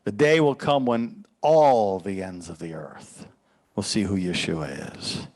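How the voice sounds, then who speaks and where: A man's voice: lowish voice, takes it slowly, a little mellow. A man preaching as a pastor, teaching earnestly and quoting scripture in a sermon.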